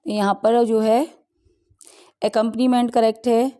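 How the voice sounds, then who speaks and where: Reading the options slowly, a woman English teacher with a warm, level, slightly high voice explains each answer of an exam practice set. Her explanations mix Hindi and English.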